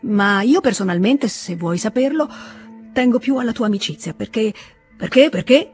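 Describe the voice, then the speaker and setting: A reader voicing an earnest, calm man reasoning with his brother in an Italian audiobook reading. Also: medium pitch, moderate pace, faint music behind, pitched above the performer's own voice, lightly acted.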